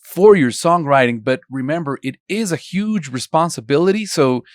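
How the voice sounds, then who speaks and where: Slightly high and expressive, a young Colombian man speaks at a normal pace while running an online songwriting class. He's chatty and keeps throwing questions at his students, and the sound is studio-clean with no room tone.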